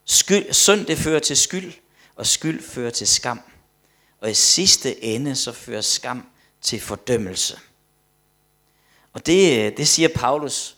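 Husky guy preaching, gets loud then drops soft, repeats himself building up. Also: mid-range voice, animated, pauses often. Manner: emphatic, swinging between loud declarations and hushed asides; repeats words when building a point. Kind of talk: sermon.

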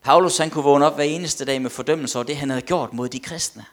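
A man preaching a sermon with emphatic delivery, swinging between loud declarations and hushed asides, often repeating words as he builds a point. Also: a little high.

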